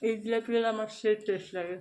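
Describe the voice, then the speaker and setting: A woman's voice: fairly high pitch, fairly even intonation, very fast, a little mellow, slight background noise. A young woman vlogging casually on her phone at home, chatting to viewers as she does housework. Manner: chatty, talks directly to viewers while doing housework. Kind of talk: casual daily-life vlog. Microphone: mobile phone.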